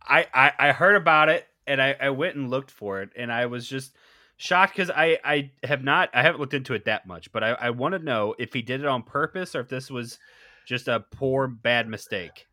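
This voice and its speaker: Bright, sharp-voiced man, hesitant in chat. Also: medium pitch, moderate pace, no room sound, studio quality. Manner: hesitant, stumbling with ums and restarts. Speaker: podcast co-host. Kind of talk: casual chat.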